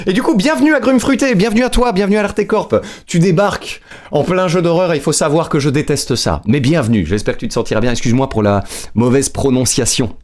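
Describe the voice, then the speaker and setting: A man's voice: on the high side, fast talker, darkish tone. A male streamer giving nervous live commentary on a horror game, talking to himself, repeating words and greeting his chat.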